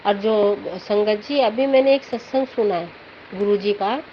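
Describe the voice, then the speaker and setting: Speaking a little slowly with a medium-pitched voice, a middle-aged woman gives a heartfelt, meandering devotional testimony centered on her husband. The audio is dull and low quality, and faint noise sits in the background.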